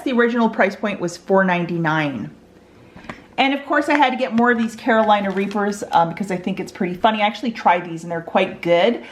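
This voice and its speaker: A woman hosts a casual haul vlog, talking through her shopping finds. She is chatty and excitable and laughs easily. Her voice sits at a middling pitch. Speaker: couponing vlogger.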